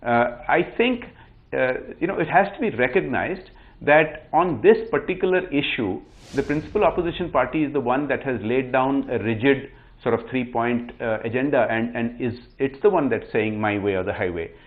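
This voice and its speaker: A man, a politician on a TV panel interview, making measured arguments over the phone. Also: mid-range voice, animated. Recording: tinny phone line.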